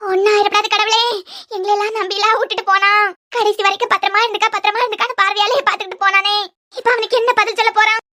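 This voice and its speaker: A woman's voice: very high-pitched, little pitch movement, racing, sharp tone. A woman voicing a worried old grandmother who prays and laments, in a Kanyakumari Tamil accent. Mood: anxious praying. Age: older. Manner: anxious, lamenting.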